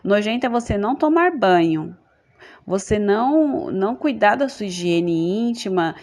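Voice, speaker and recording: A woman's voice: mid-range voice, expressive, normal speed, darkish tone. A woman from Brazil with a Brazilian Portuguese accent, giving an earnest religious testimony to her congregation and often checking in with her listeners. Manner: earnest, addresses listeners as brothers, frequent tag questions. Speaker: church member giving testimony.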